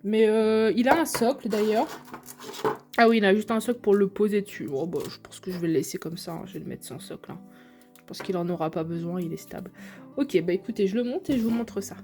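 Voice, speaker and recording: A woman's voice: mid-range voice, fairly quick, music in the background. A young woman, chatting to viewers as she unboxes figures, gushing over how cute they are. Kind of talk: casual unboxing vlog.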